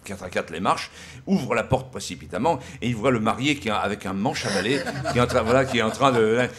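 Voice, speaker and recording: A man's voice: on the low side, crowd noise. A man telling a rural joke at a comedy round table, stumbling over his words and restarting often. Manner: halting, many restarts, admits he cannot do accents.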